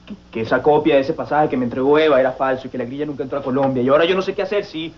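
Actor as a fretful fast-talking young man. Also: mid-range voice, lightly acted. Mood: agitated. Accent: Venezuelan. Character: worried young man, agitated. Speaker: young son in a telenovela. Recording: dull TV audio with music.

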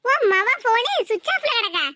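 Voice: very high voice, lively intonation, a little fast, bright, forceful tone, dry recording, exaggerated voice. A performer voicing a nosy neighbour woman who asks questions and gossips in a Tirunelveli Tamil accent in a cartoon. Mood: gossipy. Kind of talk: cartoon voice acting.

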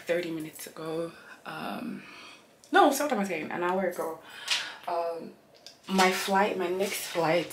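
Tired young woman vlogging, low voice. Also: reverberant, a little hiss or hum. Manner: chatty, rambling, self-correcting. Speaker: travel vlogger. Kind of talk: casual vlog chat to camera. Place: airport sleeping cabin, small indoor room. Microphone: handheld camera at arm's length.

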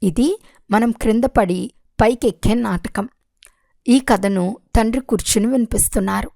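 A woman reading a religious discourse aloud in a steady, measured way. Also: a little high, gravelly, dry recording. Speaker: reader of a spiritual discourse.

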